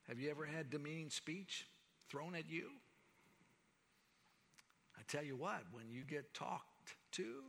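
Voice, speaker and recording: Male preacher, dramatic sermon delivery with hushed drops; fairly high, bright voice. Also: vocal fry, in a large hall. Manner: dramatic, swings from loud to hushed.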